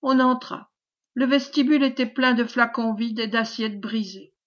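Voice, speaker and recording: A woman's voice: fairly high pitch, moderate pace, highs cut off. Woman narrating a classic novel. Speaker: audiobook reader.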